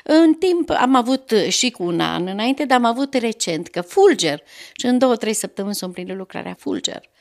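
Gravelly older woman giving earnest testimony. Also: on the high side, animated, a little mellow. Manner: earnest, devout storyteller with rising emotional peaks. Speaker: interviewee sharing her faith testimony. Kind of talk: emotional personal testimony.

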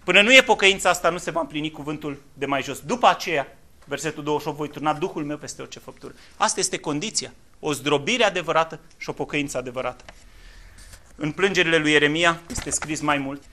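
Male preacher, high bright voice, impassioned sermon, quiet to shouting. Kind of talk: fiery sermon.

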